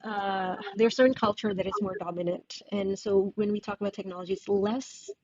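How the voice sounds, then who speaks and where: A woman talks through her thoughts in a guest interview, pausing often and restarting as she finds the right words. Her voice comes through a video call with muffled, lo-fi sound. The room sounds close and dry, with no echo. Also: medium pitch, steady tone, darkish tone. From Indonesia. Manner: thoughtful, searching for words with many fillers and restarts. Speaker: guest author. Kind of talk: casual interview conversation.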